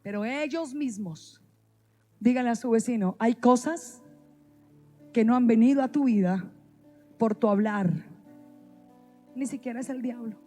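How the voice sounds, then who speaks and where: High-voiced woman preaching. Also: unhurried, long pauses, dark tone, soft background music. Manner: emphatic, repeats key phrases and prompts the congregation. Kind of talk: sermon. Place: church sanctuary.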